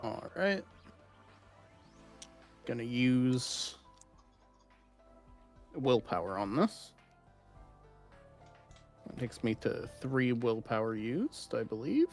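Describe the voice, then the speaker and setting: A man's voice: mid-range voice, sing-song, darkish tone, faint music behind. A man playing a tabletop role-playing game in casual chat, laughing often. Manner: laughs often, drawn-out easy delivery. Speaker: player.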